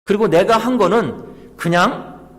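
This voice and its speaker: A man's voice: high voice, measured pace, pitched above the performer's own voice. A man voicing a small, puzzled newborn baby viper in a sermon story, asking earnest, plaintive questions. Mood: puzzled pleading. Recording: long church hall reverb.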